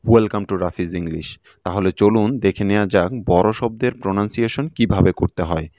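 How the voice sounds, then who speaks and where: A man teaching English pronunciation in a video lesson, spelling words out slowly and carefully syllable by syllable. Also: lowish voice, a little mellow, dry recording, clean studio sound.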